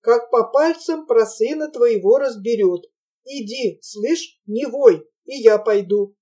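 Brief: woman voicing a creaky, nasal little attendant man, drawling, in a mellow warm tone. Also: fairly high pitch, takes it slowly. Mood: nagging. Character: grumbling little corridor attendant, sickly, creaky-voiced.

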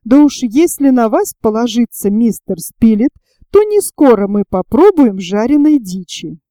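A woman's voice: fairly high pitch, a little slow, dry recording, clean studio sound. A woman reading the part of a stubborn, plain-spoken male sailor who talks insistently. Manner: insistent, excited.

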